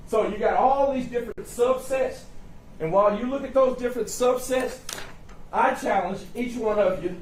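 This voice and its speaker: High-pitched male lawyer pleading in echoey room. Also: normal speed. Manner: folksy, emphatic, short repeated phrases. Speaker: defense attorney. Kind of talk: impassioned courtroom closing argument to a jury. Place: courtroom, recorded from a distance. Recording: roomy echo, distant mic, faint noise.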